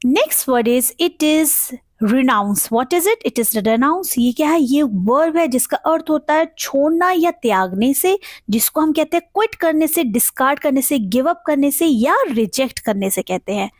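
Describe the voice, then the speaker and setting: A woman with an Indian accent teaching vocabulary online. She explains each word in Hindi and reads the English examples slowly. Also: high-pitched, lively intonation, dry recording, clean studio sound.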